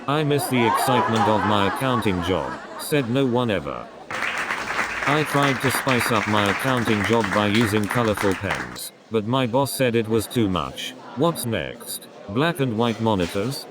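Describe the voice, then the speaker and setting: Deadpan man telling one-liners. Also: fairly low pitch, a little slow, very noisy. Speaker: stand-up comedian. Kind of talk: stand-up comedy routine. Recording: crowd laughter in background. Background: audience laughter.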